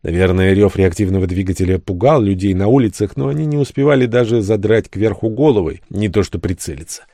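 A man reading a first-person story aloud expressively, with sudden jumps in pitch on emphasis. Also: lively intonation, a little fast, gravelly, mellow, dry recording, clean studio sound. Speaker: audiobook narrator. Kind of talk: first-person audiobook narration.

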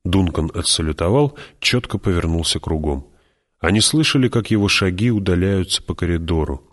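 A man narrating an audiobook in a steady, even storytelling manner. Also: sits low, moderate pace. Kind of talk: scripted narration.

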